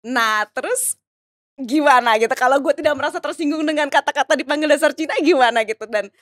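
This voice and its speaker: A woman from Indonesia, a writer and entrepreneur, talking as a podcast guest in a lively way, laughing often and mixing in English phrases. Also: high-pitched, brisk, dry recording, clean studio sound. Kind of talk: casual interview chat.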